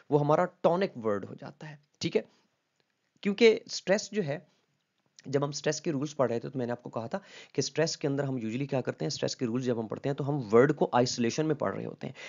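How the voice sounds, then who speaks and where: A man's voice: mid-range voice, a little mellow. Patient man lecturing on linguistics. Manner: patient, repeats key terms, checks in with "ठीक है?"; mixes English terms into Hindi-Urdu speech. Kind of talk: explanatory lecture. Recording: slightly dull lo-fi audio.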